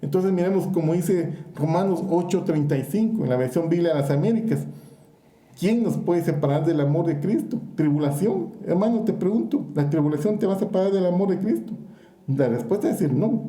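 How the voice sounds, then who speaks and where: Guatemalan male preacher, high and dark-toned, fervent sermon, roomy church echo. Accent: Guatemalan Spanish. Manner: fervent, questions the congregation directly.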